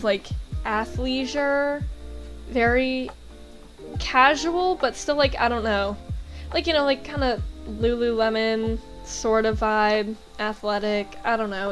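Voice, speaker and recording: A young American woman chatting casually in a voice-over about her game build, talking in a loose, rambling way full of fillers. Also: fairly high pitch. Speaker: game vlogger.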